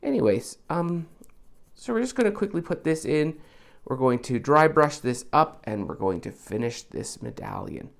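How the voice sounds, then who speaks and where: A man's voice: on the high side, very animated, normal speed, vocal fry. A man who makes props, talking through a painting tutorial in a chatty, rambling way with casual asides. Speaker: prop maker.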